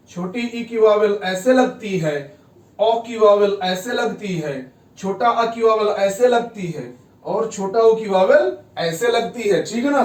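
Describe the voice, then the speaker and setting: A man's voice: sits high, darkish tone, recorded from a distance. A man teaching a shorthand lesson, explaining step by step and often checking with the class in a repetitive way. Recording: echoey room, off-mic.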